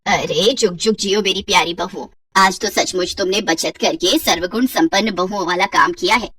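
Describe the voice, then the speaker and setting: A woman's voice: fairly low pitch, normal speed, a bit bright, slightly rough, recorded from a distance, voice pushed down. A woman voicing a stern older mother-in-law who scolds and quotes proverbs in a cartoon story. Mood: scolding.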